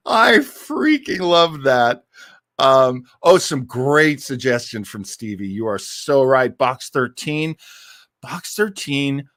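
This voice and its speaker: With a mid-range, fairly bright voice, an American host chats away to listeners on his old-time radio livestream, rambling enthusiastically and effusing over favourites. It's clean studio sound, with no echo at all.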